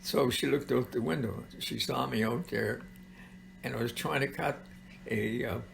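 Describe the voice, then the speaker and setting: Very creaky, gravelly grandpa voice. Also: male voice, mid-range voice, a bit bright, slight background noise. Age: elderly. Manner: grandpa voice, halting and rambling with frequent pauses. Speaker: grandfather telling childhood stories. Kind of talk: informal oral storytelling.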